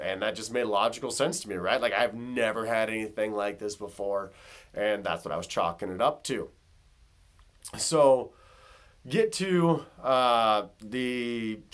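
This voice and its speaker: A man casually telling his own story to camera in a vlog, with loose filler words and conversational asides. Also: medium pitch. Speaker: vlogger.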